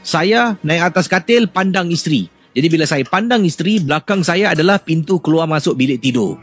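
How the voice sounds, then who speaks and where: A man hosting a radio show, reading out listener ghost stories in an animated, suspenseful way. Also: brisk, faint music behind. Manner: animated, with sudden rises in pitch and loudness for suspense.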